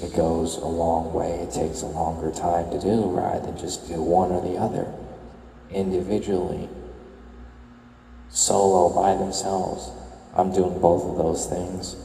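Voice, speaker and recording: A young man murmurs a soft, low-key voice-over in a deep, flat, gravelly voice that hardly rises or falls. He talks slowly and hesitantly, correcting himself as he muses. The voice carries an echo with a long reverb tail over faint ambient sound. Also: a little hiss or hum. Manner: hesitant, self-correcting musing. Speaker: video game tour vlogger. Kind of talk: soft-spoken reflective voice-over.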